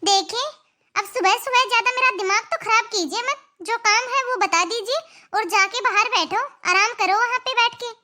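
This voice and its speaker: A voice actor playing a bossy, scolding older village mother-in-law in an animated cartoon. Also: extremely high pitch, moderate pace, heavily acted. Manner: scolding, boastful, belittling. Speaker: cartoon character.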